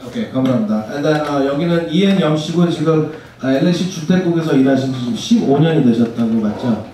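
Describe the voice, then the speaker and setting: A man hosts a seminar in a mellow, slightly high voice. He is polite and hesitant, dropping in some English. The room echoes heavily around him. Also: lively intonation, a little fast. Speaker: seminar host. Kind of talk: spoken introduction to a seminar. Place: large echoey indoor room. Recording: very echoey room, distant, faint noise.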